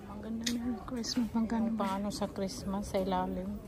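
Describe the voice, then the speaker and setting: A woman's voice: mid-range voice, steady tone, brisk, rough recording. A woman from the Philippines filming a casual shopping vlog, chatting along as she browses shops and a street market. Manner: chatty running commentary, calls companion "Day". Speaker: vlogger. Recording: crowd noise around. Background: crowd chatter.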